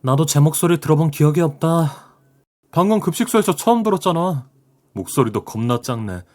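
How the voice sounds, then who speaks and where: A man's voice: on the high side, animated, fairly quick, darkish tone, lightly acted. A man voicing a snide, mocking teenage schoolboy in an audio drama, talking in a sneering, dismissive way.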